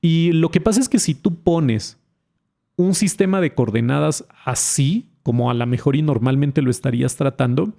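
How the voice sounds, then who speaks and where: Gravelly man tutoring physics. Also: on the high side, moderate pace, warm tone. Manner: casual, chatty explaining, talks to the viewer directly. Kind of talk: explaining a physics lesson over drawings.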